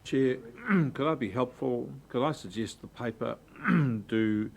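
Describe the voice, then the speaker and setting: A male councillor formally making a procedural suggestion to the chair, clearing his throat. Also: medium pitch, measured pace.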